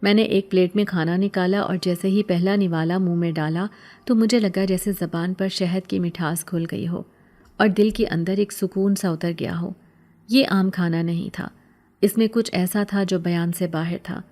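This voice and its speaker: A woman narrating a scripted horror story in a steady, solemn first-person voice. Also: fairly low pitch.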